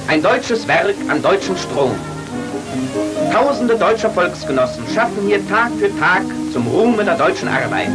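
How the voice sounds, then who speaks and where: A man's voice: high-pitched, rough recording. A man narrating an old 1930s propaganda newsreel in a declamatory, rousing delivery. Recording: archival newsreel with music behind.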